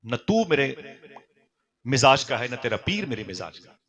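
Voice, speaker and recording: A male preacher voicing a furious wife who scolds her husband, shouting angrily within a sermon story. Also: mid-range voice, very animated, unhurried.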